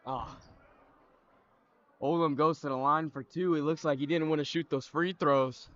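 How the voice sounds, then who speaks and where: Excitable student male play-by-play voice, sharp and a bit high; lo-fi webcast. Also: normal speed. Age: teens. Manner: excitable, breaks into loud cheering. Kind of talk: high school basketball play-by-play. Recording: dull lo-fi webcast audio with faint gym noise.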